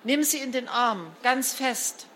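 A woman's voice: on the high side, animated, takes it slowly, a bit bright, a little hiss or hum. A woman reading a storybook aloud, voicing an anxious young boy who calls out urgently.

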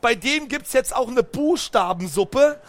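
A man telling a lively story to children, speaking straight to them and asking them questions. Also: very high-pitched, unhurried. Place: book fair stand.

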